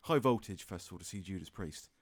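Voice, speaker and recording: Chatty radio host, dry studio sound. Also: male voice, deep voice, expressive, fast talker, dry recording. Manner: rambling, jokey, laughs often. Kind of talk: casual on-air chat and announcements. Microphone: studio microphone.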